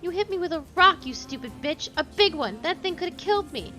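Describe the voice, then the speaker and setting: Woman doing a nasty village bully boy, sneering and shrill, higher than her own voice. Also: moderate pace, soft background music, close to an everyday voice. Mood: shrill, angry. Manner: sneering, then shrill and whining. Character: cruel, whiny boy bully, village leader.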